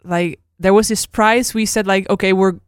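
Woman podcast host chatting, animated storyteller, mid pitch, dry studio sound. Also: normal speed, clean tone, no echo. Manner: animated storytelling, acts out quotes with laughs. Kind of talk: casual chat.

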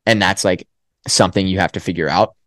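Young dude on a podcast, low voice, acts out what runners say in their heads, dry close sound. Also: male voice, brisk, no room sound. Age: young adult. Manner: animated storytelling with acted self-talk. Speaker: guest, college track runner. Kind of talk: casual podcast interview. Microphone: podcast microphone.

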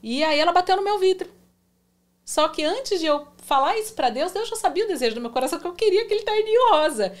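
A woman's voice: very high-pitched, quick pace. A woman in her forties telling her faith testimony in a podcast conversation, recounting her prayers with emotion. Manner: emotional, animated storytelling with reenacted prayers. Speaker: guest giving testimony.

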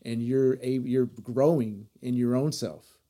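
Male interviewer, mellow mid-pitched voice, conversational and affirming, frequently seeks agreement. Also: fairly even intonation, measured pace. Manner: affirming, often checks in with "right?". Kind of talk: casual supportive conversation.

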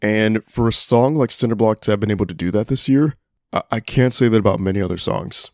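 A young man hosting a music podcast, counting down songs in an enthusiastic, profane, casual way, his voice a bit hoarse. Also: fairly low pitch, fairly quick, a little mellow, dry recording, clean studio sound. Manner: enthusiastic, profane, conversational with fillers. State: voice getting hoarse. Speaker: podcast host.

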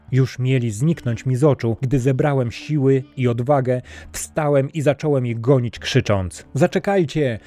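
A man reading a fairy tale as scripted storybook narration, calm and even. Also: medium pitch. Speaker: audiobook narrator.

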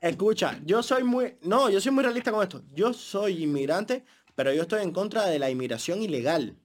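A man's voice: high-pitched, lively intonation, moderate pace. A young man from Latin America co-hosting a podcast, casual and emphatic as he argues his points. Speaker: podcast co-host. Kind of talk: casual chat.

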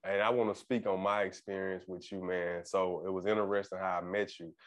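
A man interviewing a guest in a relaxed, casual way, often affirming and repeating himself. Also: sits low, a little fast. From Arkansas, US.

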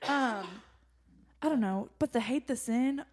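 Young woman cohosting a faith podcast, kinda high voice, gets excited, laughs a lot. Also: a little slow, crowd noise. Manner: excitable, laughs often, many fillers. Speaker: podcast co-host.

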